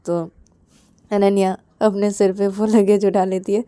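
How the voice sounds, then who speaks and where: A woman's voice: medium pitch, flat delivery, unhurried, dark tone, no echo. A woman narrating a love story in a casual, plain storytelling manner.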